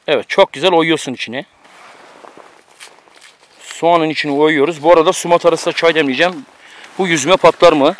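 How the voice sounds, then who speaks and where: High-voiced man giving bossy outdoor instructions. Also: steady tone, a little fast, long pauses. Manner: bossy, teasing running commentary. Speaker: outdoor cooking vlogger. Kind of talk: casual outdoor chat, instructing a friend. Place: outdoors on a mountain.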